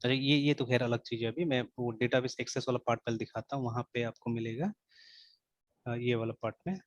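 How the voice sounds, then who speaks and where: A man with a medium-pitched voice teaches an informal online coding class at a brisk pace, mixing English into his speech and checking in constantly with "theek hai". The recording is dull, dry and lo-fi.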